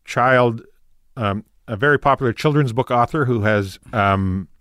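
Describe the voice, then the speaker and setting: A middle-aged comedian from rural Saskatchewan, with a Canadian prairie accent, rambles as a guest in a casual interview chat, correcting himself along the way and laughing easily. His medium-pitched voice is fairly bright and a little slow, recorded in a clean studio with no room sound.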